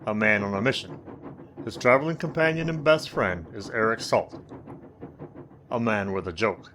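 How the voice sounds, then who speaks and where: A man's voice: mid-range voice, a bit bright, close to an everyday voice. A man playing a sinister, teasing storyteller who hosts an old-time radio horror tale with theatrical, wry delivery. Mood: storytelling. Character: sinister, teasing male mysterious storyteller of eerie tales. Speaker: host narrator.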